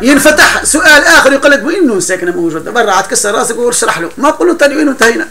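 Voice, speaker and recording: A man's voice: very high voice, animated, rapid-fire, vocal fry, bright, forceful tone. A man teaching a classroom grammar lesson, explaining patiently with frequent laughs and broken-off restarts.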